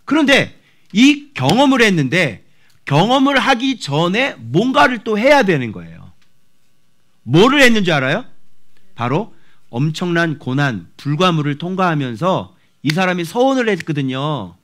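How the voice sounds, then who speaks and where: A pastor, male and in his forties, speaks in a high voice at normal speed during an expository sermon at church. He's animated throughout, shouting as he imitates voices.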